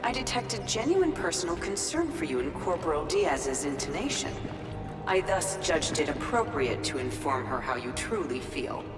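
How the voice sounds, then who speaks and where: A formal, literal-minded AI. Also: female voice, sits low, sing-song, normal speed. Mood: dry. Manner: formal, dry, matter-of-fact sarcasm. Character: precise, literal-minded female workshop AI. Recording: echoey hall from far off with game music.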